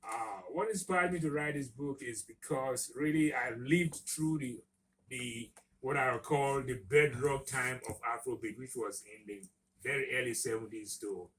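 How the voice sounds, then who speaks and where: A man's voice: mid-range voice, distant mic, a little hiss or hum, poor audio. Man in his sixties, slightly off-mic. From Nigeria. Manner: unhurried, hesitant, with frequent fillers. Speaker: guest author. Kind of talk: radio interview. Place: radio studio. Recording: voice a little off-mic.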